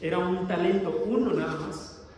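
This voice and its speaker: In a church hall, a man with a fairly high, slightly mellow voice preaches a sermon at normal speed, reading verses aloud and asking the congregation questions as he explains them. The distant mic picks up the hall's echo.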